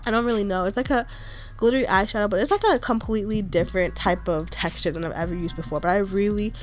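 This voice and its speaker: With faint music underneath, a young woman talks fast at a medium pitch while narrating a makeup look, congested from a cold. The beauty vlogger keeps it casual and comforting, chatting along with frequent "like"s and "kinda"s.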